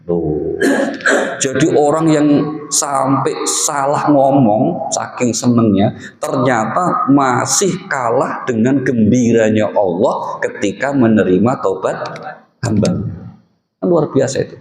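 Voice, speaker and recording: A man's voice: medium pitch, expressive, takes it slowly, noisy background. A man preaching a dawn sermon in a mosque with an Indonesian accent, speaking to the men as "Pak" with folksy humor. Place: mosque hall. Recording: echoey hall with long reverb.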